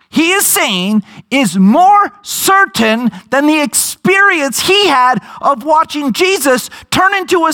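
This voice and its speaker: A man preaching a sermon, telling a scripture story with emphatic, drawn-out phrases and lively storytelling. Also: very high-pitched. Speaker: pastor.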